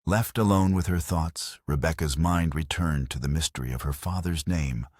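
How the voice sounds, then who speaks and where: A man narrating a western story in a slow, measured storybook reading. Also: very deep voice, a little mellow, slightly rough, no room sound, clean studio sound.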